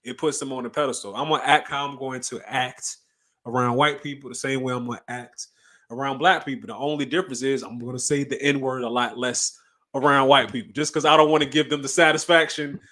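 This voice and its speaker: Dude going off on a podcast, emphatic and animated, regular mid voice. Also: male voice, mid-range voice, a little fast. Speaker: podcast co-host. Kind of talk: casual chat.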